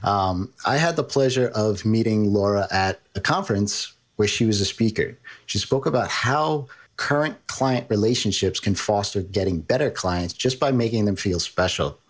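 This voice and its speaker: A man's voice: lowish voice, moderate pace. Man, New York accent, podcast host, upbeat, interview style. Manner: upbeat, promotional.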